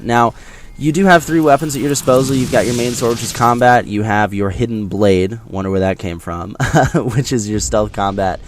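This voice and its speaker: Low-pitched man giving casual game commentary. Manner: conversational, explanatory, addressing viewers directly. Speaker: video game reviewer. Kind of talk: casual scripted-free game impressions commentary over gameplay.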